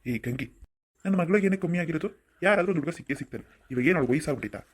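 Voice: medium pitch, rapid-fire, slightly rough. Voice actor doing a kind village uncle. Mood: firm. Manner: calm, soothing, firm. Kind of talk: cartoon voice acting.

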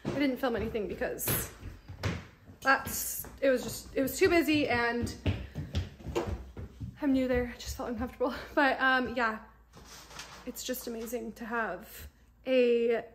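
The background is noisy as a young pregnant woman with a slightly high voice chats to her phone camera, held at arm's length. She's a stay-at-home mom and vlogger, tired and full of fillers in her casual talk. She's indoors in a large, bright kitchen and living room.

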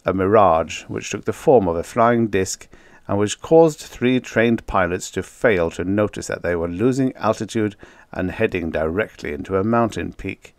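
A man voicing a slow, doubtful male officer who probes carefully. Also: lowish voice, no room sound, studio quality, natural voice. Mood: probing. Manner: measured, probing.

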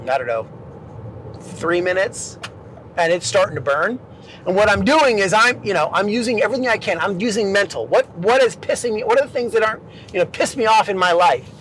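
A man's voice: sits high, fairly bright tone, slight background noise, low-quality recording. A former Navy boat crewman telling a story casually to camera, acting out the quotes with big swings in his voice.

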